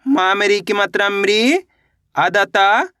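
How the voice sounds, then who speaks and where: A man's voice: sits high, takes it slowly, sharp tone, smooth, no room sound, clean studio sound. A man teaching beginners to read, sounding out each word syllable by syllable and then saying it whole, patient and repetitive. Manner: patient, repeats "how will you read it?". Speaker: Hindi reading teacher. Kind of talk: slow reading lesson for beginners.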